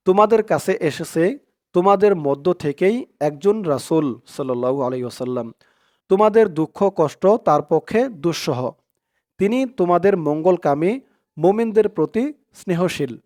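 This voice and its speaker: A man teaching Quran reading, spelling out letters syllable by syllable, then chanting the verses in long, drawn-out tones with quick plain explanations in between. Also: fairly high pitch, darkish tone. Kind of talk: step-by-step recitation lesson.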